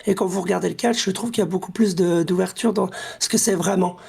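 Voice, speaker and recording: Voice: mid-range voice, fairly even intonation, fast, vocal fry, darkish tone, slightly rough. A podcast co-host chatting casually and enthusiastically, sometimes searching for words. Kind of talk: casual chat.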